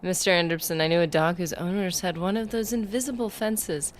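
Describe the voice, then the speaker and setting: Woman gaming streamer, slightly low pitch, loose chatty rambling, reads chat aloud. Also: steady tone, brisk, slight background noise. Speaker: gaming livestreamer. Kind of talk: casual livestream chat while gaming.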